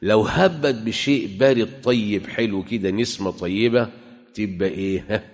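A man's voice: on the low side, normal speed. A man preaching a sermon with an Egyptian Arabic accent, emphatic, putting rhetorical questions to his listeners. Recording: long hall reverb.

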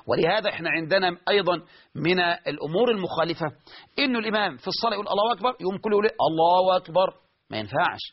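Egyptian-accented male preacher, fast and high-pitched, husky voice, muffled lo-fi recording. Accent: Egyptian Arabic. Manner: lively, asks the audience questions and answers them. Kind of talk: religious lesson.

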